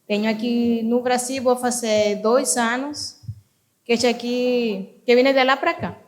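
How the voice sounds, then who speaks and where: Slow Venezuelan woman in her twenties. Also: fairly high pitch, steady tone. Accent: Venezuelan Spanish. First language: Spanish. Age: 20s. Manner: slow, soft self-introduction.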